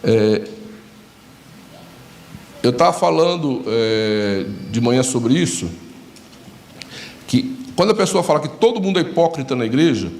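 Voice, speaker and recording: A man's voice: mid-range voice, lively intonation, unhurried, pauses often, a little mellow, roomy sound. A male pastor with a Brazilian Portuguese accent preaching a sermon, telling stories and acting out conversations with his congregation. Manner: storytelling, acts out dialogues, addresses congregation directly.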